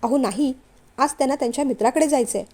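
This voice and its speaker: A woman voicing a polite, gentle young man who is a company director, in a storybook reading. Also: sits high, fast talker.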